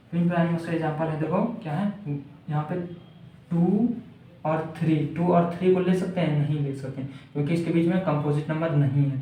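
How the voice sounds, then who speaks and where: A man's voice: fairly high pitch, dark tone. Echoey, distant Hindi-speaking male math teacher. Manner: repetitive, asks questions and answers them himself; mixes English math terms into Hindi. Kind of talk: classroom lesson explaining math. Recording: echoey room, voice far from the mic.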